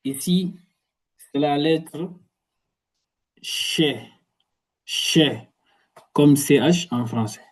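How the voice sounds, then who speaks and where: A man giving a spoken language lesson, slowly pronouncing each word and repeating it several times. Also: on the high side. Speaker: Turkish language teacher.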